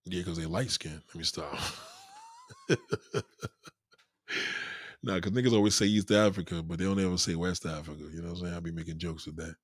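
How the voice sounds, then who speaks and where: Husky-voiced New man ranting. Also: deep voice, a little fast, long pauses, dry recording. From New York. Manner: blunt, profane, animated street talk. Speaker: streamer reading viewer comments. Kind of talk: casual live-stream rant.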